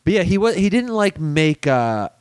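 This man talks in a loose, rambling way, full of "like" and restarts as he recalls things. His voice is smooth and resonant, and the recording is close and dry with no room sound. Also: sits high, sing-song, normal speed, a little mellow, no echo. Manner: rambling, filler-heavy storytelling. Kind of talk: casual chat.

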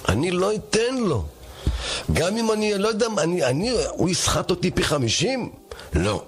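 Man voicing a poor husband, stubborn, insistent, lively pitch. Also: breathy edge, full character voice.

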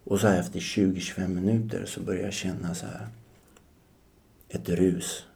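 A man's voice: sits low, fairly even intonation, creaky, warm tone. A man in his forties, a podcast guest telling his life story in a reflective way, often hesitating. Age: 40s. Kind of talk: personal storytelling.

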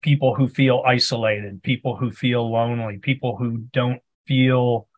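A man's voice: medium pitch, steady tone, unhurried, darkish tone. A man hosting a conversational interview, phrasing his questions tentatively and rewording as he goes. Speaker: podcast host, interviewer.

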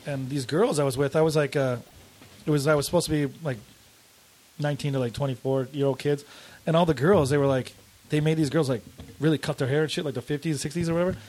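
On a laid-back podcast, a comedian guest in his twenties rambles through his stories, swearing and leaning on fillers. His whiny voice is a little high and a little mellow, with a steady tone and a quick pace.

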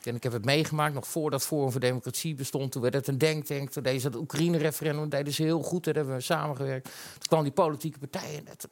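A Dutch man hosting a casual talk show, with a slightly higher pitch than most men. He talks in a chatty, rambling way and often restarts his sentences. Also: steady tone, fast. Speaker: host.

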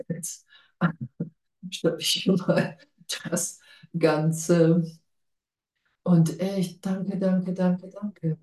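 A woman's voice: lowish voice, dark tone, reverberant. A woman giving a spiritual talk to a group, casual and enthusiastic, laughing often. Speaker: spiritual teacher.

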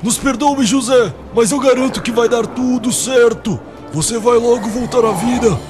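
A jolly Santa Claus acted by a man from an amateur radio play, pitched well up high with a Brazilian accent. He speaks formally and earnestly, reassuring and exclaiming, while music plays clearly behind him. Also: moderate pace. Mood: jovial, reassuring. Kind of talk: amateur radio drama acting.

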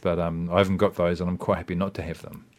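A man with a distinctly deep voice and a New Zealand accent talks as a guest in a casual interview. He feels his way through each thought, rambling and reflective, often restarting and padding with small filler phrases. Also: flat delivery, fast, darkish tone. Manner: hesitant, rambling, reflective, with frequent "you know" and "I mean".

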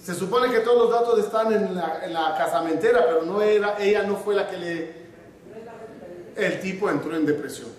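A man's voice: high-pitched, normal speed, distant mic. A man, giving a humorous sermon as a rabbi, telling a story and acting out its dialogue. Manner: animated, acts out the dialogue of his story. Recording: echoey room, speaker off-mic.

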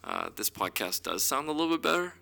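Bright-voiced man podcasting, sounding inside a concrete bunker. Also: very animated, fast talker, gravelly. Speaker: podcast co-host. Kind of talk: casual podcast chat. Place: apartment with concrete walls and hardwood floors. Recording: boomy hard-walled room, like a concrete bunker.

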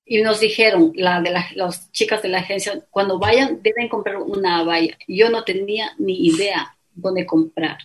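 A woman's voice: mid-range voice, normal speed, few pauses. A woman recounting a personal travel story in a casual interview, acting out the lines she and others said. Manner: lively anecdotal telling with quoted dialogue. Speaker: guest.

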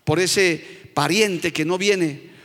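A man's voice: sits high, slow pace, fairly bright tone. A male pastor with a Bolivian Spanish accent preaching a fervent sermon, calling out to the congregation as brother. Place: church hall. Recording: long hall reverb.

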